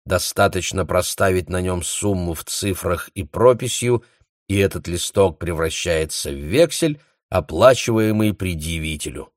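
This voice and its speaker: Male audiobook narrator, low voice, very unhurried, dry close recording. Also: expressive, no room sound. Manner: measured, deliberate reading. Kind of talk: scripted literary narration.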